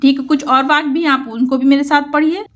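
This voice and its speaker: A woman's voice: high voice, steady tone. A woman teacher leading a reading lesson, sounding out words syllable by syllable and having listeners repeat after her. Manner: slow, patient syllable-by-syllable reading. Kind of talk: Hindi reading lesson for children.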